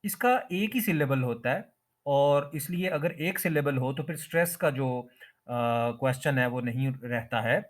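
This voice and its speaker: A man teaching English pronunciation as an explanatory lesson, repeating each word slowly and breaking it into syllables. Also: medium pitch.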